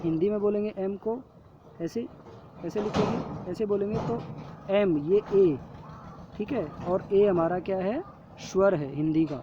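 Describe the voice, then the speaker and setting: High-voiced Indian man teaching patiently. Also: dark tone, slight background noise. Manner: patient, addresses students as "beta", reads English examples slowly. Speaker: English teacher. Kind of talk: classroom lesson explaining a worksheet. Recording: dull lo-fi audio.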